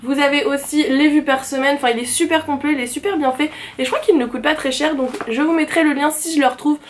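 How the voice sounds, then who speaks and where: A woman's voice: high-pitched, steady tone, fast, slight background noise. A young woman vlogger chatting eagerly about her planners in a casual show-and-tell. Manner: chatty and enthusiastic, gushing.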